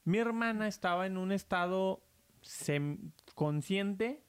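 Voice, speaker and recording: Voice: mid-range voice, takes it slowly, clear, resonant tone. Slangy Mexican storyteller. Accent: Mexican Spanish. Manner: slangy, animated, acts out quoted voices. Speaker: storyteller on a chat show. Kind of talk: casual chat, telling a scary story.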